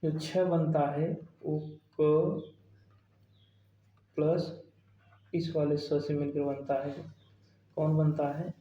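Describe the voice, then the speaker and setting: A man's voice: a little high, little pitch movement, slow pace, pauses often, dark tone. A man, teaching grammar for an exam-prep lesson, asking questions and then answering them step by step. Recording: dull, roomy sound.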